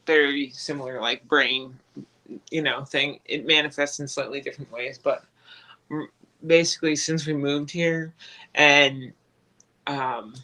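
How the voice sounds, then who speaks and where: A woman co-hosting a casual livestream, chatty and self-deprecating in an animated way. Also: extremely low pitch. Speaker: channel co-host.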